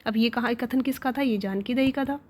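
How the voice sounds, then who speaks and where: A woman's voice: a little high, brisk. A woman teacher reading a Hindi short story aloud and explaining it, asking questions and answering them herself. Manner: asks and answers her own questions.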